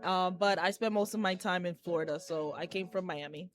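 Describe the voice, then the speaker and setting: A woman's voice: on the low side, fairly quick, soft background music. A young woman from Haiti, a professional wrestler, talking candidly and chattily as a guest in an interview inside a shop. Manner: candid, chatty, laughs easily. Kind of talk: casual interview. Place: collectibles shop, indoors.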